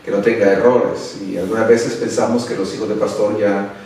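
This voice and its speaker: Speaking at normal speed with a flat delivery, a middle-aged man from El Salvador, a pastor, offers interview answers and prayer, earnest and unhurried, often ending with tag questions. His voice is on the low side and a little mellow. Captured a bit far from the mic in an echoey room, it carries a little hiss or hum.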